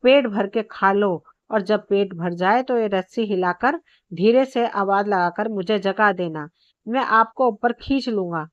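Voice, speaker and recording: A woman's voice: mid-range voice, measured pace, dry recording, muffled recording, close to an everyday voice. A woman voicing a cunning young male servant in a spoken story, mock-polite and coaxing.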